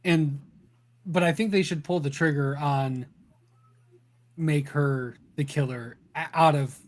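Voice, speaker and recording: A man in a casual podcast conversation whose voice sits a little high. He often breaks in with quick words of agreement before giving his own view. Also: steady tone.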